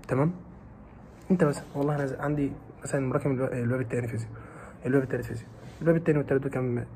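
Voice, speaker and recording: A man with an Egyptian Arabic accent giving students a fast, pleading and scolding pep talk, repeating his phrases. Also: mid-range voice, dark tone, slight background noise. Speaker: motivational talker for exam students.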